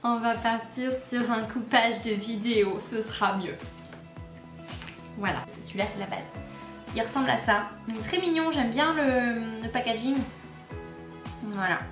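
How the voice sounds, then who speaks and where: A woman's voice: on the high side, a little slow, long pauses. Chatty French woman doing her makeup. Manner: chatty, hesitant, many fillers. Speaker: beauty vlogger. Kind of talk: casual makeup tutorial. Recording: echoey room, faint background music.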